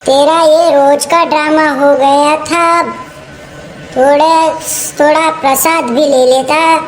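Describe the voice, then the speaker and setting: A woman's voice: high voice, fairly even intonation, slow, faint music behind. A woman voicing a cranky seventy-five-year-old grandfather in a village cartoon, teasing and then whining. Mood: complaining. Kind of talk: cartoon voice acting.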